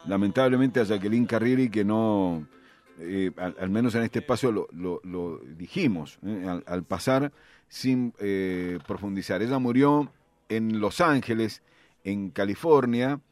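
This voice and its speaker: Hesitant radio host, low voice. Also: male voice, unhurried, a little mellow, soft background music. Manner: hesitant, many restarts and fillers. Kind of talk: radio interview. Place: radio studio.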